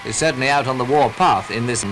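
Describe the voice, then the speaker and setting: With a quick pace and a mid-range voice, a British man delivers 1940s-style scripted newsreel narration. Music accompanies this vintage 1940s newsreel soundtrack.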